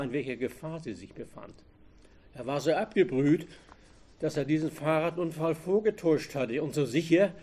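A man's voice: medium pitch, gravelly, darkish tone. A man reading a crime story aloud, steadily, with the occasional slip. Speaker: narrator.

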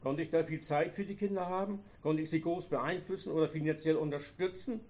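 A man voicing a retired old farmer who complains loudly and sarcastically about his grown children. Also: on the high side, steady tone, a little fast, voice pushed up, natural voice. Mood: reproachful. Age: older. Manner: loud, reproachful, sarcastic.

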